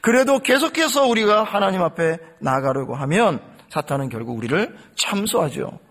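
An impassioned male pastor preaching a sermon in a high voice. His delivery swings widely in pitch, and he keeps turning to speak straight to the congregation. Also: very animated, moderate pace, a bit bright. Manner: impassioned, addresses congregation directly.

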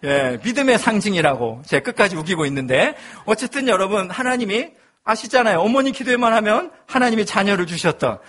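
A man's voice: high-pitched, big pitch swings, fairly quick, a bit bright, breathy edge. A male pastor in his thirties, preaching a sermon with humorous personal storytelling.

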